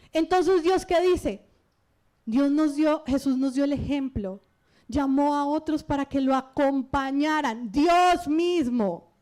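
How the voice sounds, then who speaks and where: A middle-aged woman pastor with a Colombian Spanish accent, preaching an animated sermon and putting questions to the congregation. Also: high-pitched. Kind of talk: lively sermon.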